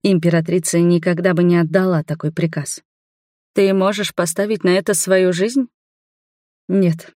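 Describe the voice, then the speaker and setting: A woman's voice: lowish voice, steady tone, normal speed, mellow, no echo, studio quality, close to an everyday voice. A woman voicing a proud, loyal female palace servant who speaks bluntly and formally, in an audiobook. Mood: guarded.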